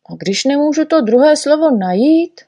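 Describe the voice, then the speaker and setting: A woman voicing a tiny, eager, boastful male know-nothing in a storybook reading, talking excitedly and bragging. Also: sits high, pitched above the performer's own voice. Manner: excited, shouty, quick to brag.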